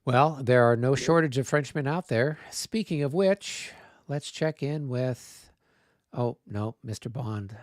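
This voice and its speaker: A man's voice: mid-range voice, a little slow, no echo, clean studio sound. A man hosting a livestream of a tabletop wargame, chatting casually and laughing often. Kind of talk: casual chat.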